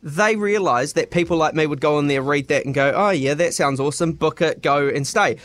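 A man with a New Zealand accent and a high voice tells a comic story. He is casual and emphatic, leaning into exaggeration. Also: fairly quick, a bit bright.

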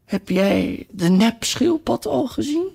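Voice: mid-range voice, expressive, takes it slowly, gravelly, husky, voice pushed up, exaggerated voice. A reader voicing a furious, tyrannical queen who barks orders. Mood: bossy. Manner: shouting commands. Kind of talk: audiobook reading.

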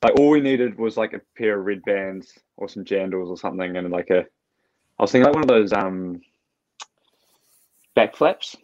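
A man's voice: fairly low pitch, moderate pace, pauses often, darkish tone. A man with a New Zealand accent chatting casually as an athlete on a podcast, over a remote call. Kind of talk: casual chat. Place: hotel room, remote call. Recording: dull, lo-fi remote call audio.

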